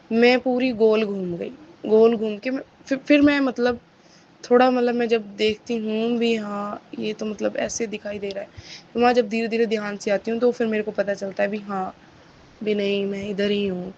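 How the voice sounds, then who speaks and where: A woman, reverently describing her meditation experiences to her guru in a halting, hesitant way, full of restarts. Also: a little high, fairly even intonation, darkish tone, a little hiss or hum. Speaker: spiritual seeker sharing a testimony. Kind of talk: devotional testimony addressed to a guru. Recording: dull lo-fi recording.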